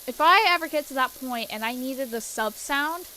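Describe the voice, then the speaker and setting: A young woman with a stuffy nose chats casually into a desk mic at home. Her voice sits a little high. She rambles with plenty of fillers and swears offhandedly, over a faint hiss. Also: expressive, moderate pace, pushed and bright, low-quality recording. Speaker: streamer. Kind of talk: casual chat while gaming.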